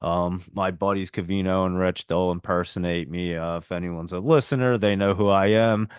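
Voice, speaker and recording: Hosting a live stock trading stream, a man with a heavy New Jersey accent casually talks through stock picks, reading out viewer messages and ticker symbols as he goes. His low voice is smooth and steady at a moderate pace, captured in studio quality with no room sound.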